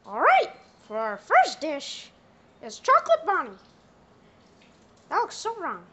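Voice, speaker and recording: A bumbling, foul-mouthed cartoon mouse, voiced by a young man fumbles through a cooking skit. The voice is very high and squeaky and moves up and down a lot. It comes from a noisy home video. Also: wildly swooping pitch, unhurried, pushed and bright, full character voice. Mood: goofy. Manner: high squeaky put-on voice, swearing, drawling. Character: Mickey Mouse as a crude young cook, male. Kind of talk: comedy skit with a plush toy.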